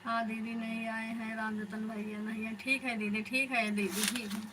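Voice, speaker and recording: A woman's voice: a little high, level tone, normal speed, background noise. A woman hosting a live stream, chatting casually with her viewers and calling them elder sister.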